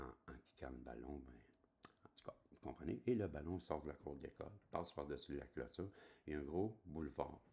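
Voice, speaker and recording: A man's voice: extremely low pitch, creaky, mellow. A man in his sixties with a Québécois accent, telling a personal story in a rambling, chatty way and checking that viewers follow. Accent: Québécois French. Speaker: spiritual channel host.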